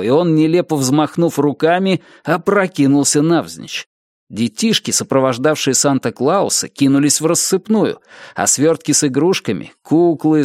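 A man reading a novel aloud in steady, measured audiobook narration. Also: mid-range voice, dry recording, clean studio sound.

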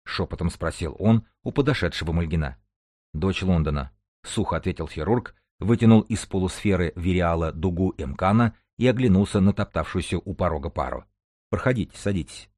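A man narrating an audiobook in a measured storytelling manner. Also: deep voice, animated, darkish tone, dry recording, studio quality. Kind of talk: scripted narration.

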